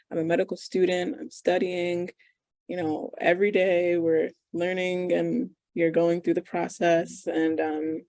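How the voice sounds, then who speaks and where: A woman's voice: fairly low pitch, warm tone, dry recording, clean studio sound. A woman in her twenties, a medical student, answering interview questions over a video call. She speaks casually, thinking aloud with fillers. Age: 20s.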